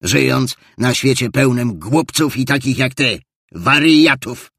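A man's voice: mid-range voice, slow, gravelly, a bit bright, breathy edge, no echo, studio quality, voice pushed up, exaggerated voice. A man playing a scornful old miser. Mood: scornful grumbling. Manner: curt, scornful and indignant.

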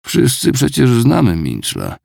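A man's voice: medium pitch, wildly swooping pitch, measured pace, creaky, a little mellow, no echo, clean studio sound, pitched above the performer's own voice, exaggerated voice. A man voicing a gloomy old clerk who complains in a grumbling way. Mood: brisk practical. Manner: complaining, head-shaking grumble.

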